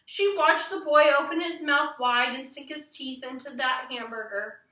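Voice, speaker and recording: Reading aloud like a storybook narrator, a woman tells a children's story with lots of expression. Her voice is high and sharp-toned, at a moderate pace. The microphone sits at a distance in an echoey room.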